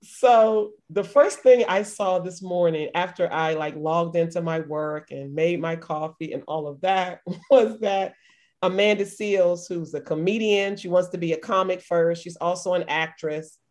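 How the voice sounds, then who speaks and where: A woman in her forties, co-hosting a casual podcast chat, telling a story with lively energy and frequent laughter. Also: fairly low pitch, a little slow. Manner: animated storytelling, laughing often. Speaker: podcast co-host.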